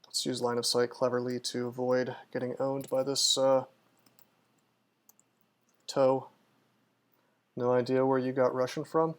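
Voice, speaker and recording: A man's voice: medium pitch, level tone, a little slow, pauses often. Casual, musing male game streamer. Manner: casual, musing, lots of ums and restarts. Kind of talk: live-stream gameplay commentary.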